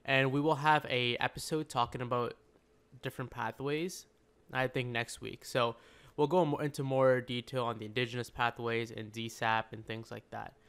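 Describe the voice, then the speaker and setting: Young guy cohosting a podcast, laid back and jokey, middle pitch. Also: steady tone, normal speed, a bit bright, clear, resonant tone. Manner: joking, easygoing, explains admissions steps. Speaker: podcast co-host. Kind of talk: casual podcast chat.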